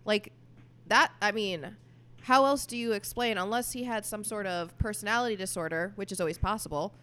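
Female podcast co-host, frank and fast, casual swearing, direct opinions. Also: mid-range voice, a bit bright, clean tone. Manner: blunt, quick, swears freely. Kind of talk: casual chat.

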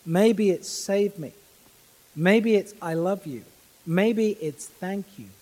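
A man preaching a sermon in a measured, earnest way, pausing to stress his words. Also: sits high, mellow, long reverb tail, low-quality recording. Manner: measured, earnest, with slow emphatic pauses.

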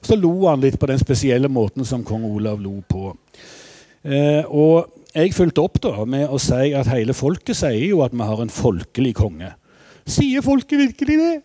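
An older man telling a personal story in a measured, reflective, somewhat halting way. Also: medium pitch, lively intonation, dark tone, no echo. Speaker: spokesman for bereaved families.

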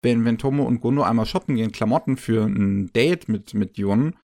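A man's voice: mid-range voice, brisk, vocal fry, dark tone. A man in casual podcast talk, hesitant and full of fillers and restarts as he reviews an anime series.

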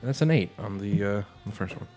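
A man's voice: on the low side, lively intonation, quick pace, warm tone. A man chatting casually as a player in a tabletop role-playing game.

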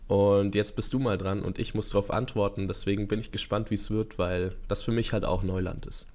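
A man's voice: fairly low pitch, steady tone, a little fast, darkish tone. A young man, a podcast guest, talking eagerly and earnestly in long run-on thoughts with frequent fillers. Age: young adult. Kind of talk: casual interview talk.

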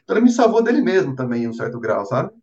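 A man's voice: medium pitch, racing, recorded from a distance, muffled recording. A man with a Brazilian Portuguese accent, a novelist being interviewed, telling his story animatedly and full of fillers. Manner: animated storyteller, filler-heavy, says "cara" and "assim" often. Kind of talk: casual interview conversation.

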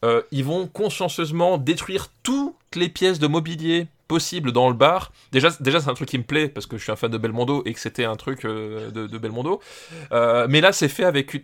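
A man's voice: medium pitch, a bit bright. Eager French man stammering through his thoughts. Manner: enthusiastic, stammering, many fillers and repeats. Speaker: podcast guest. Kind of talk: casual podcast chat.

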